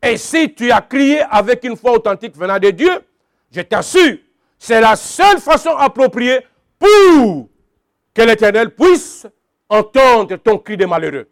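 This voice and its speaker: A man's voice: extremely high pitch, lively intonation, measured pace, no echo, clean studio sound. A man preaching a sermon, emphatic and repetitive, calling out to his congregation. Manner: emphatic, repeats phrases, calls out to the congregation.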